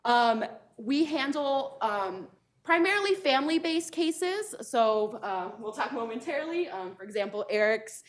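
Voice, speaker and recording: A woman's voice: fairly high pitch, lively intonation, unhurried. A woman law professor introducing herself at a panel event, speaking earnestly with frequent ums. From United States. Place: lecture hall event.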